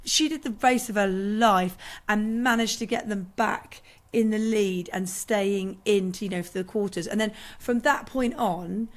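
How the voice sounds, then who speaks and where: A woman co-hosting a podcast, recounting events in a quick, animated way. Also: medium pitch. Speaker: podcast co-host. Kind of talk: casual chat. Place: at the Winter Olympics.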